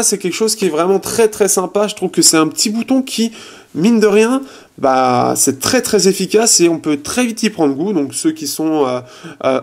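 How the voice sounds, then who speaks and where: A man's voice: fairly high pitch, a little mellow. A man giving a casual phone review in his apartment, chatty and full of fillers, trailing off as he tests features. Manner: chatty, many fillers, trails off while testing. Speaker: tech reviewer. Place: his apartment, resonant room.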